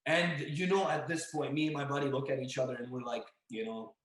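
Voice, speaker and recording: A young man telling a story as a podcast guest, casual and animated, acting out the voices of the people in it. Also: medium pitch, fairly quick. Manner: animated, acts out dialogue and yelling. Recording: echoey room.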